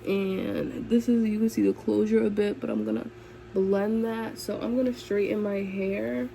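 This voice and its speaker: A young woman chats to her camera in a bubbly, gushing sorority-girl way, stretching words for emphasis. Her mid-pitched voice often drops into a creaky fry. It is a casual home recording with faint noise behind her. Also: fairly even intonation, normal speed, mellow, low-quality recording. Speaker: vlogger. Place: indoors in a room at home.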